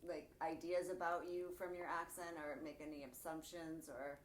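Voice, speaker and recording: A woman asking casual interview questions in a tentative, halting way. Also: low voice, level tone. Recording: roomy, echoey, with background noise.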